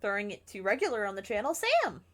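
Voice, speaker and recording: A woman's voice: mid-range voice, lively intonation, unhurried, a crowd in the background. Casual woman running a tabletop game. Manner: loose, hesitant, many fillers. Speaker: game master.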